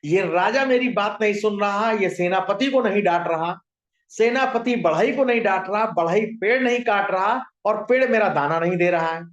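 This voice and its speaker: A man's voice: high voice, moderate pace, fairly bright tone, highs cut off. A man doing a stubborn little sparrow pleading for justice. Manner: pleading, insistent, repetitive. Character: small determined female sparrow seeking justice. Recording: echoey room.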